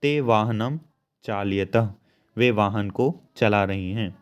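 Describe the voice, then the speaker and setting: A young man, explaining a school lesson patiently and slowly. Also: fairly low pitch, clean tone. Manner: slow, patient explanation with frequent asides to students. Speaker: teacher.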